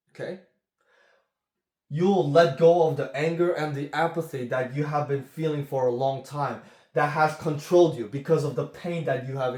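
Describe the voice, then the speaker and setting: Speaking in a warm, medium-pitched voice with reverb around it, a man gives an earnest coaching monologue as a relationship coach. He's slow and keeps asking "okay?"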